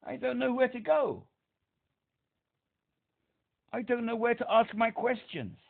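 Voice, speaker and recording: Over a tinny phone line, a man with a speech impediment calls a helpline, pressing his point emphatically and repeating himself. His voice is very high-pitched and gravelly, and he speaks a little slowly.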